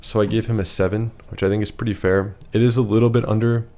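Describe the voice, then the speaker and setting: A man's voice: on the low side, little pitch movement, fast, mellow. A man losing his voice, giving a casual, matter-of-fact voice-over that rates features one by one. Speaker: facial analysis presenter.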